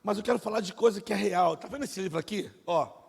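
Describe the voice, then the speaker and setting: A middle-aged man preaching a sermon and telling his own testimony, swinging between loud and hushed like a dramatic storyteller. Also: high voice, fast talker, vocal fry, breathy edge. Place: church sanctuary. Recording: long hall reverb.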